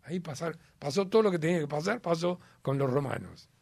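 A man's voice: fairly high pitch, expressive, fast talker, gravelly, darkish tone, breathy edge, no echo. Uruguayan man, emphatic rambling guest, dry close sound. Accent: Uruguayan Spanish. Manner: rambling, emphatic, many fillers. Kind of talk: casual chat.

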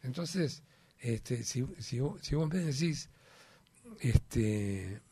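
A man's voice: mid-range voice, animated, very slow, warm tone, breathy edge, dry recording. A man with a Uruguayan Spanish accent, chatting as a guest in an emphatic, rambling way with many fillers. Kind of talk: casual chat.

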